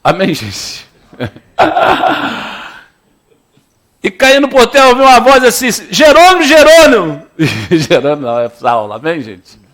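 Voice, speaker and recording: A man's voice: a little high, takes it slowly, long pauses. A man preaching a sermon in a church, playful and calling on the congregation to respond. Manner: lively, playful preaching with audience call-and-response. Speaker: pastor.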